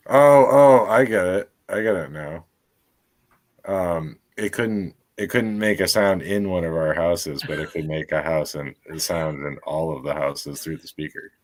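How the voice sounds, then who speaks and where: A man with a low, unhurried voice co-hosts a casual livestream conversation. He jokes easily and laughs often, speaking into a remote call mic. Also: steady tone. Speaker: livestream co-host. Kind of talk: casual group chat on a livestream.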